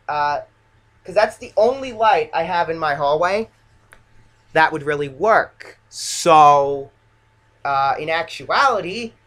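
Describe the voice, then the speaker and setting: Male amateur filmmaker, higher-pitched bright voice, casual self-deprecating commentary, feeling his way through sentences. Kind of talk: casual, unscripted director's commentary.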